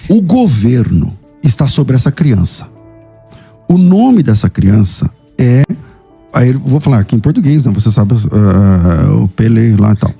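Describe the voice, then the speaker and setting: Um homem num debate teológico, insistente e questionador, que cita as escrituras. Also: male voice, medium pitch, very animated, measured pace, creaky, mellow, husky, faint music behind. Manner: insistent, questioning, quotes scripture. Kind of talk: theological debate.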